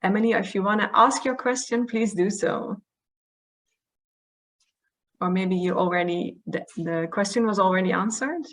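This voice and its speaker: Hesitant woman moderating, mid-pitched. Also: normal speed, pauses often. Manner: hesitant, searching for words. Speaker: host moderating questions. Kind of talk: informal online session moderation.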